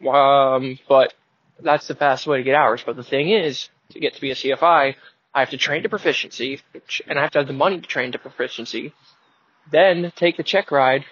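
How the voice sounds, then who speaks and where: A man in his early twenties hosts his own show, rambling and thinking aloud while he drives, casual, wry and poking fun at himself. His voice is mid-range with a fairly bright tone. The recording has a dull, lo-fi sound.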